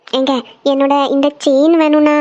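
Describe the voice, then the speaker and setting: A woman's voice: high-pitched, level tone, moderate pace, darkish tone, dull audio, close to an everyday voice. A woman voicing chatty, playful young women in a cartoon series. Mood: casual. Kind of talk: cartoon voice acting.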